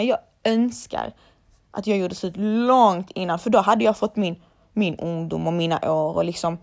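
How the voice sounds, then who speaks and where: A woman's voice: mid-range voice, vocal fry, darkish tone. A young woman, a laser hair removal technician, chatting casually and bluntly to her followers and swearing freely.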